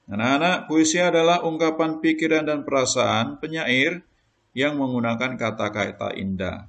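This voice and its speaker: A man teaching young pupils in a recorded lesson, going through each point patiently and step by step. His voice sits at a middle pitch and carries a gravelly, creaky edge. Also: fairly bright tone. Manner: patient, step-by-step explaining to children. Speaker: primary school teacher.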